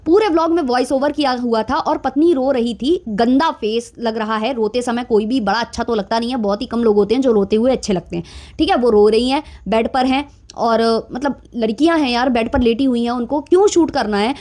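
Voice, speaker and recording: A woman's voice: a little high, a little fast, darkish tone. A woman giving casual vlog commentary, outspoken and indignant as she rants about other creators. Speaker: YouTube commentator.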